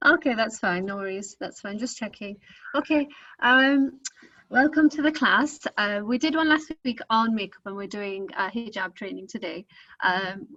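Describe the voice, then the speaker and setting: A woman's voice: mid-range voice, pushed and bright, dry recording. Chatty Northern English woman teaching online. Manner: chatty, reassuring, many ums and uhs. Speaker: hijab styling teacher. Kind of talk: live online class demonstration. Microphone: video call. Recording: dull lo-fi video call audio.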